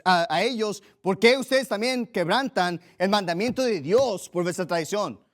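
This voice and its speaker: A man from Mexico preaching a forceful, combative sermon as a pastor. His voice sits a little higher than most men's. He often restarts and repeats words as he presses his pointed questions.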